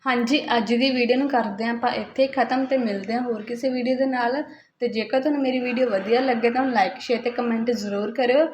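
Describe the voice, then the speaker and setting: A woman's voice: fairly high pitch, steady tone, a little mellow, slight background noise, low-quality recording. A woman, hosting a roast video and lecturing vloggers in a scolding way. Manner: scolding, lecturing, rapid-fire. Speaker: roast channel host.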